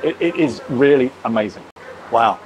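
Wearing a clip-on lapel mic, a forties-aged male vlogger leads an emphatic, enthusiastic walk-through of a large boatyard shed and the inside of a boat being built, often repeating phrases. He speaks at medium pitch and normal speed. The recording sounds muffled, with slight background noise.

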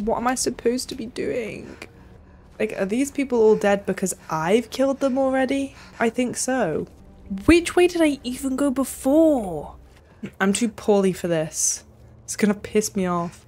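Medium-pitched and darkish in tone, a young adult woman streams from a small home room, giving exasperated, casual commentary on her game while swearing and reacting out loud. Slight background noise is audible.

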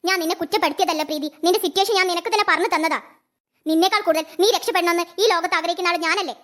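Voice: very high-pitched, steady tone, very fast, a bit bright. A performer voicing a caring young woman comforting her friend in a cartoon. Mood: consoling. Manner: consoling, earnest.

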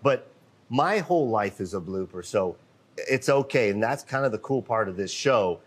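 A man's voice: lowish voice, animated, normal speed, breathy edge. A man hosting a live, unscripted company walkthrough in an indoor cabinet workshop. He speaks off the cuff into a handheld microphone, with many fillers and restarts. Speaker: host of a live company show.

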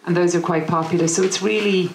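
A woman's voice: lowish voice, steady tone, fast. A woman in her thirties with an Irish accent, giving a practical design talk into a handheld microphone in a kitchen showroom, with many "you know" fillers. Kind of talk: presentation to a live audience. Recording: roomy showroom with faint noise.

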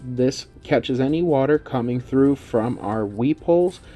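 Faint music plays behind a man with a mid-range, warm voice who narrates his company's repairs at an unhurried pace. He's a contractor following a script, and his delivery is practical and technical.

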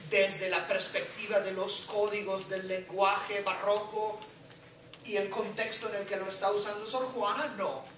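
A woman's voice: mid-range voice, level tone, measured pace, a bit bright, a little hiss or hum. A woman teacher lecturing a class and quizzing students, often asking "right?". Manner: questioning, switches into English, reads aloud. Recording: echoey classroom from far off.

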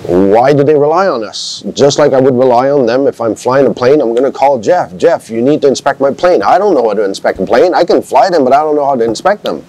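An RV inspector, a man with a middle-pitched voice, drives his points home in a casual vlog. He sounds emphatic and a little like he is lecturing. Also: expressive, fast, hardly any pauses, darkish tone, poor audio. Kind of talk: casual chat to camera.

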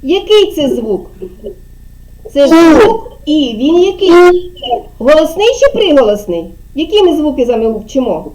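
A woman teaching young children in a kindergarten classroom, speaking slowly and patiently and drawing out her words. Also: high-pitched, very animated, a little mellow, poor audio. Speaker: preschool teacher.

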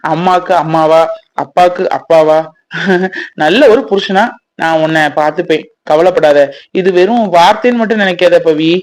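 A woman voicing a protective young village man in a cartoon, speaking in a with a gentle, reassuring manner. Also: on the low side, close to an everyday voice, low-quality recording.

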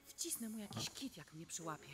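An actress voicing a wary young woman in a video game, speaking in a hushed, low voice as she searches a stranger's apartment. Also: animated, a little fast, faint music behind, natural voice.

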